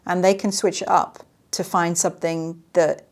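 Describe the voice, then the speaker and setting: A woman with a somewhat low voice hosts a solo podcast monologue. She speaks earnestly and emphatically, often repeating a line to drive it home. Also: level tone, normal speed. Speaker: podcast host.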